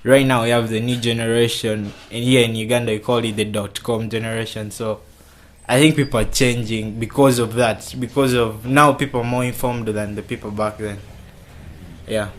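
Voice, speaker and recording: A young man from Kenya answering interview questions in a casual, halting way, often repeating his words as he starts. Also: mid-range voice, steady tone. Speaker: interview guest.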